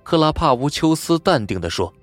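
A man narrating an audiobook in a scripted, expressive storytelling style. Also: fairly high pitch, fairly quick, soft background music.

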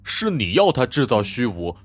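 An actor playing a proud, touchy male robot inventor in an audiobook, boastful and quick to take offense. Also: mid-range voice, sing-song. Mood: indignant. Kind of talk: audiobook character voice.

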